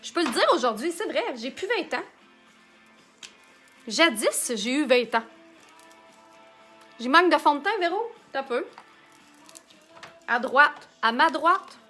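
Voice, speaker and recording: A Québécois woman with a high, bright voice hosts a live makeup demonstration. She talks in a chatty way and answers viewer comments while she works. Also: lively intonation, takes it slowly, pauses often, soft background music. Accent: Québécois French. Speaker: makeup artist hosting a live stream.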